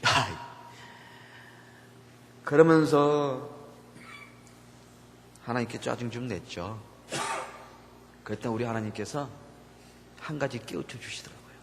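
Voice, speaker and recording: A man's voice: medium pitch, takes it slowly, long pauses, a little hiss or hum. A middle-aged male pastor preaching a sermon in a church, telling a personal story with impassioned feeling. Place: church sanctuary. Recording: long church reverb.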